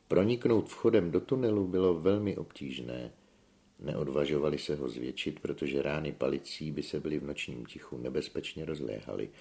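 A man reading a novel aloud as an audiobook narrator with a steady storytelling delivery. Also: rumbling low.

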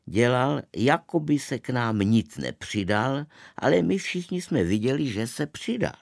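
A man reading a storybook tale aloud, expressive, swinging between loud outbursts and soft asides. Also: medium pitch, gravelly, no room sound, clean studio sound. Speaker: narrator.

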